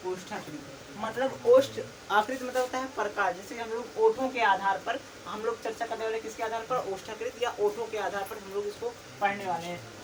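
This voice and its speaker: A woman teaching a lesson who keeps asking a question and then answering it herself, repeating each key term. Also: medium pitch. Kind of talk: recorded classroom lesson. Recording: distant mic with faint background noise.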